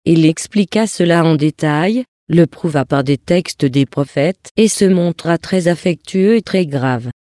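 Audiobook reader, steady even narration, mellow dark tone, dry close sound. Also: medium pitch, a little slow, hardly any pauses, no echo. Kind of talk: scripted narration of a religious text.

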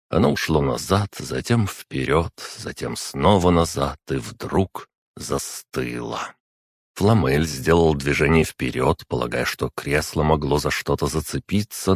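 A male audiobook narrator with an extremely deep, husky voice reads in a steady, measured way. The sound is dry and close, with no room around it. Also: no room sound. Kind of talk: scripted narration.

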